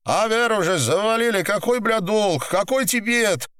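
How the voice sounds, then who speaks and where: A man's voice: high-pitched, animated, moderate pace, a bit bright, clear, resonant tone, no room sound, clean studio sound, voice pushed up. A man voicing a cruel, contemptuous male gang boss who threatens coarsely in an audiobook. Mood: menacing.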